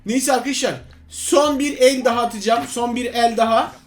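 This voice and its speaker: A young man hosting a gaming channel, giving excitable live commentary on his play and talking to viewers as friends. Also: very high-pitched, moderate pace.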